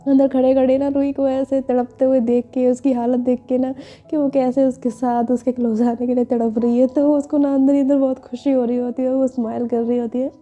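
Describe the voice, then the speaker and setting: A woman's voice: sits high, flat delivery, a little fast, mellow, highs cut off, faint music behind. A woman telling a romance story in a chatty, informal way with many fillers. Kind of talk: casual spoken storytelling.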